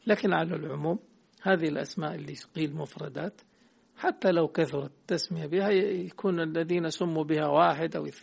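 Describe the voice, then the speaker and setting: Gravelly, husky male teacher. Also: fairly high pitch. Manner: quizzes the student, corrects readings, explains patiently. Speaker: teacher of hadith sciences. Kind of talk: classroom text commentary.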